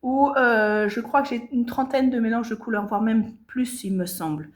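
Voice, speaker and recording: With a fairly high pitch and a moderate pace, a woman shares her cross-stitch projects in an easygoing video chat. Hesitations and self-corrections come up frequently.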